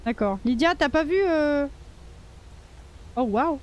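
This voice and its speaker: High-voiced woman chatting over a game. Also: animated, slow pace. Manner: playful, chatty, swears freely, talks to the game. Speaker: gaming streamer. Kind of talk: casual let's-play commentary.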